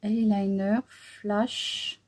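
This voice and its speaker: Chatty woman with a mellow voice. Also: medium pitch, little pitch movement, drawn-out words. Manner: chatty, hesitant, many fillers. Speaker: beauty vlogger. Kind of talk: casual haul chat.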